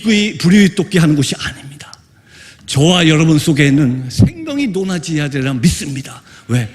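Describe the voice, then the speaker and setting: A fervent man from Korea preaching as a missionary pastor, his high voice swooping through a wide, lively range. He tells testimony with emphatic force and climbs into shouts. The sermon rings out with a long reverb in a church hall. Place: church sanctuary.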